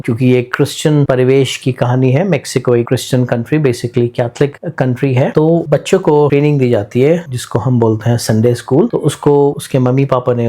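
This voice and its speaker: A man teaching English who reads passages from a story slowly, then explains word roots and pronunciation in Hindi mixed with English. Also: mid-range voice, warm tone. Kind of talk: bilingual classroom-style lesson explaining a textbook story.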